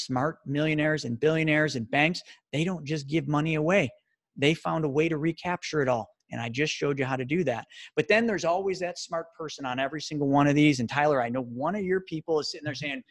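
A man giving an energetic sales presentation as a financial presenter. He talks rapidly and excitedly, firing off rhetorical questions. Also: on the high side, no echo, studio quality.

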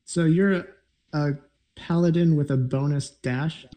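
A man running a tabletop game as game master, relaxed and rambling, with many fillers. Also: on the high side, unhurried.

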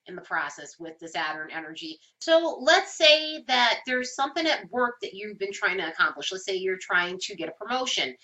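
A woman hosts an astrology forecast in a casual, explanatory way. Her voice is bright and forward but clearly congested, with the nasal sound of someone pinching her nose while she has a cold. She speaks informally and leans on everyday examples. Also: mid-range voice, sing-song, normal speed, hardly any pauses, low-quality recording. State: stuffed up with a cold. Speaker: astrology host.

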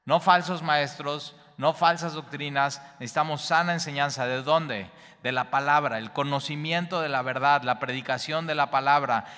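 A man's voice: a little high, steady tone, moderate pace, few pauses, sharp tone, clean tone, in a large hall. A man preaching a Bible teaching sermon, speaking straight to the listener and repeating key phrases for emphasis.

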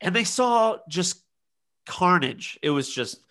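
A man's voice: high-pitched, slow pace. A man in his thirties, a podcast co-host telling a party story in casual chat and acting out the quotes. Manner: animated storyteller, acts out quotes.

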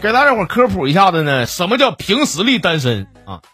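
A man's voice: high-pitched, very animated, fast, over music. A man with a Northeastern Mandarin accent hosting a comic radio show, telling jokey stories and reading listener messages.

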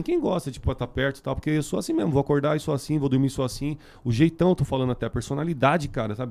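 A man's voice: fairly high pitch, creaky, mellow. A man with a São Paulo Brazilian Portuguese accent chatting casually in very slangy street talk, as a musician guest on a podcast. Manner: heavily slangy, filler-laden street talk. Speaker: band musician, interview guest.

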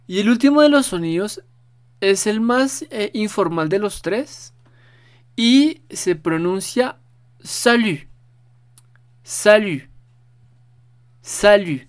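Patient podcast language teacher. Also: mid-range voice. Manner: patient, repeats words for practice. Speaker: podcast host teaching French. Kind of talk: casual spoken lesson.

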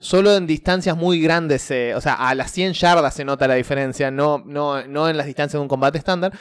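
A man on a podcast, patiently laying out rules in a fairly high voice. The sound is dry and close to the mic, with no room around it. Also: a little fast, smooth, no room sound. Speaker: podcast co-host and game master. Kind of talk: casual chat.

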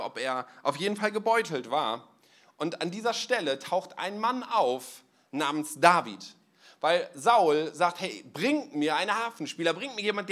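A man with a notably high voice delivers a conversational sermon to his congregation during a church service. His style is relaxed and storytelling, with casual everyday phrasing and easy fillers.

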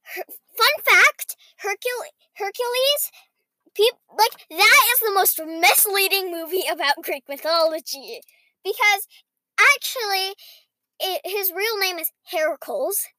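Bright high kid voice, girl doing casual podcast chat, pretty dry sound. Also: a little slow, dry recording. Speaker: podcast co-host. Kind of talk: casual podcast chat, reading quizzes aloud.

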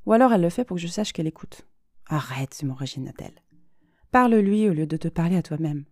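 A woman's voice: fairly low pitch, expressive, fast talker, a little mellow, no room sound, studio quality. Woman reading as an anxious young woman. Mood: inner doubt. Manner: hesitant, self-doubting confiding.

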